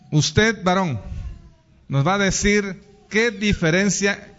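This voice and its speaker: High-voiced playful male preacher. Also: takes it slowly, a bit bright, lo-fi sound. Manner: teasing, playful, asks the congregation questions. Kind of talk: lively sermon with audience questions.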